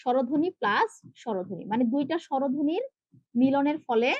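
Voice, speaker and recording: A young woman with a high voice and a Bangladeshi Bengali accent teaches an online grammar lesson, explaining step by step and often checking that her students follow. The recording is dry and close, with a slightly dull, muffled sound. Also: animated, a little fast, dry recording. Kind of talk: online class lecture.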